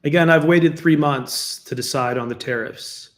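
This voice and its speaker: A political commentator from the United States talks on his own in a voice on the high side at a moderate pace. He gets defensive and argumentative yet stays casual, laughing between points, restarting sentences and leaning on fillers.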